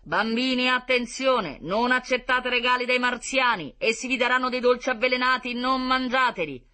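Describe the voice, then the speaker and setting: A reader doing a blaring loudspeaker official. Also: medium pitch, moderate pace, voice pushed up, natural voice. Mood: alarmed. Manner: alarmist public warnings. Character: booming male official on a loudspeaker.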